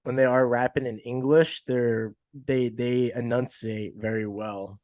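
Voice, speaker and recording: A man hosts a podcast in easygoing chat, wandering through his thoughts. His voice sits at a middle pitch, and the recording is dry and close. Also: measured pace, no room sound. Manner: relaxed, rambling, many fillers like "like" and "you know". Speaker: podcast host.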